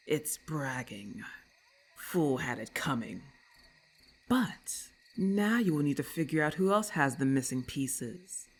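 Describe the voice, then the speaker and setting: This woman's low, husky, exaggerated voice gives life to a proud, predatory lamia in ASMR roleplay. She talks in a measured, imperious, condescending way, sounding disdainful.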